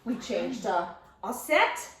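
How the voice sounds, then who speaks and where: A gushing, chatty talk show hostess, played by a woman, her voice pitched a little high and swooping all over as she throws in Yiddish exclamations. The sound is roomy and picked up from some distance. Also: sing-song, slow, a bit bright, full character voice. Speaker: talk show host character. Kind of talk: comedic sketch parody for nurse education.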